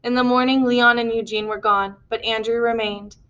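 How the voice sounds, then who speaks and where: A woman's voice: on the high side, steady tone, normal speed, sharp tone, clear, resonant tone, dull audio. Woman narrating an audiobook. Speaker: audiobook reader.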